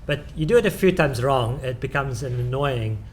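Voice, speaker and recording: A South African man presenting at a tech conference fields audience questions hesitantly, full of "um"s and false starts. His voice is mid-range and expressive at a moderate pace, with a little hiss or hum in the conference room recording.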